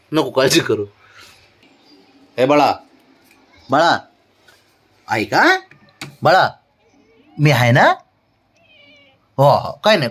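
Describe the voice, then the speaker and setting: A pet owner vlogger murmurs baby talk to his anxious pet, his slightly rough voice roaming freely from low hums up to bright, coaxing calls. He stays gentle and patient, repeating the same calm reassurances over and over.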